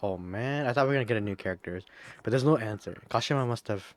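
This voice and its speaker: A man playing a horror video game, reading the narration aloud in a low-key way with casual comments in between. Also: fast. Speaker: let's play gamer.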